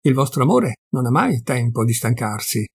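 A man's voice: mid-range voice, sing-song, normal speed, husky. A man reading a sad, anxious young wife in an audiobook of a classic story, in a plaintive, sighing way.

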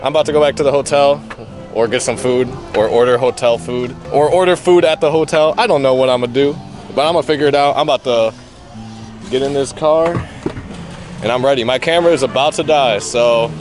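A young man in his twenties talking casually to a handheld camera at arm's length as a vlogger, relaxed and rambling, in his car and around an event hall. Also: mid-range voice, a little fast, over music. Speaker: vlogger and vintage clothing seller. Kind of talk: casual vlog talk to camera.

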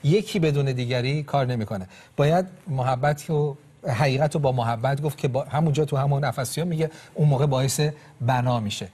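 Emphatic husky-voiced pastor. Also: male voice, mid-range voice, hardly any pauses, dark tone. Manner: emphatic, preaching rises. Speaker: pastor and host.

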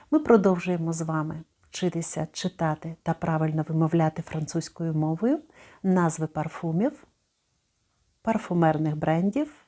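A middle-aged woman giving a spoken lesson. She pronounces words slowly and carefully, and she repeats each one so listeners can copy her. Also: on the low side, warm tone. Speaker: French pronunciation teacher.

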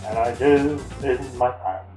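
A young man commentating gameplay in casual chat, excitable and loud, laughing often. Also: medium pitch, a little slow. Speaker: let's play commentator. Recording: echoey room with faint game music. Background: faint game music.

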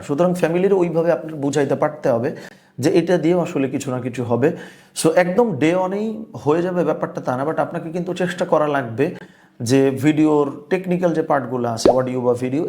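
A young man from Bangladesh coaches his viewers in a casual, conversational way. He talks quickly with a slightly raised pitch. He mixes English words freely into his speech. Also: a little mellow. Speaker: business and productivity coach. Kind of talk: casual advice talk to camera.

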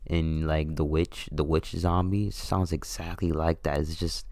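A man's voice: a bass voice, level tone, a little slow, darkish tone, dry recording, clean studio sound. A man reacting to a video for a stream, talking crude, mocking and slangy. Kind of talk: casual reaction commentary.

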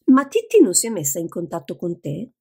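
A woman with a gravelly, husky voice voicing an agitated, impatient young woman in an audiobook. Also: fairly low pitch, huge pitch swings, a little fast, full character voice. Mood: exasperated. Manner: sharp, impatient.

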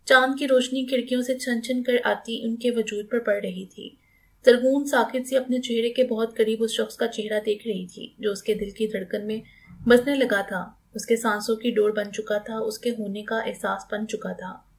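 A woman's voice: fairly high pitch, steady tone, normal speed. Woman narrating a romance audiobook.

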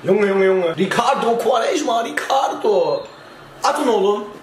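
A young man reacts live to a football match in a very high, excitable voice, cursing and yelling at the screen. His voice rings in an echoey room over a noisy background. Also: unhurried.

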